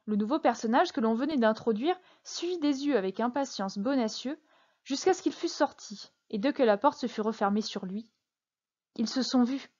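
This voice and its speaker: A woman's voice: on the high side, animated, moderate pace, a little mellow, dull audio. Woman reading a classic novel aloud. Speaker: narrator.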